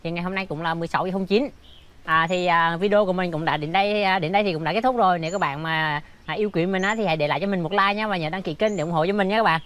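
A man's voice: high-pitched, racing, a bit bright, clean tone. A young man in a casual vlog, chatting to his viewers from a small tent on a rooftop with lots of fillers. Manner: chatty, keeps addressing viewers, many fillers. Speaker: vlogger.

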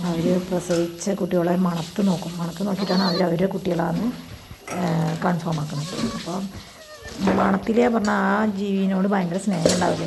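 A woman with a fairly low, gravelly voice talks softly and coaxingly to her goats in a shed. The recording is noisy, with goats bleating close by. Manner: soothing, coaxing tone toward the animals. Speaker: vlogger keeping goats. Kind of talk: casual vlog, talking to goats. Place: goat shed.

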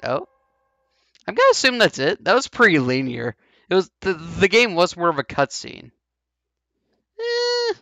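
Young male gamer, casual let's play, creaky voice, swinging intonation, low-key offhand reactions, headset mic. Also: wildly swooping pitch, unhurried, pauses often, pushed and bright, no room sound. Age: young adult. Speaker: gaming YouTuber. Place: indoors, seated at a gaming setup. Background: faint game music.

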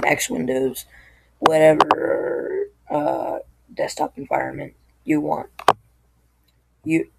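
Sick, gravelly-voiced tech tutorial host. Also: mid-range voice, background noise. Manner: halting, apologetic, loses train of thought. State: sick, hoarse voice. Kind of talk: casual screen-recording tutorial.

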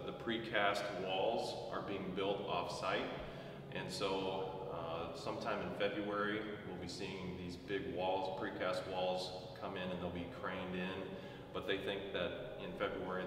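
Man, 30s, deep flat voice, explanatory with fillers, far camera mic, hollow empty room, noisy background. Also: very echoey, big-room sound. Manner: explanatory, steady, frequent fillers, gestures while talking. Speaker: school administrator. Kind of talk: on-site walkthrough explanation. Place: large empty classroom under construction, indoors. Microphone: camera mic from a distance.

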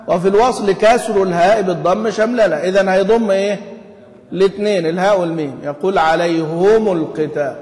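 A man's voice: sits high, a little mellow. Man, recitation teacher, tinged speech, quizzes students, stretches example words, reverberant hall. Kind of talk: explaining a classical text to students. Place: mosque study hall.

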